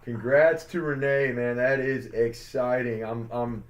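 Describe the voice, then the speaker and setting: A man's voice: medium pitch, fairly even intonation, unhurried. A man co-hosting a sports podcast in casual chat, rambling with lots of fillers and upbeat hype. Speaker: podcast co-host. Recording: dull lo-fi sound.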